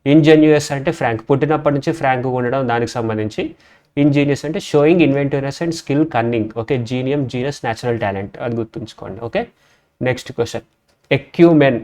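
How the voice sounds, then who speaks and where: In a casual lesson on word roots, a man teaches English vocabulary, spelling words out letter by letter and saying "okay" over and over. His voice is medium-pitched and darkish in tone, and he speaks at a quick pace.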